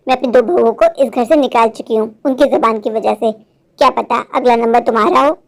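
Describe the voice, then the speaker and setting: A woman voicing a worried, sharp-tongued old mother-in-law in a cartoon, fretful and scolding. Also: fairly high pitch, brisk, vocal fry. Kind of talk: animated Hindi cartoon voice acting.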